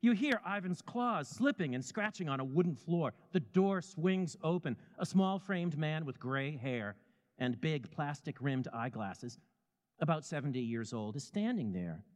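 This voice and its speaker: A man telling a story in second person with a measured, vivid delivery. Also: fairly high pitch, animated, big-room sound. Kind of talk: scripted second-person narration.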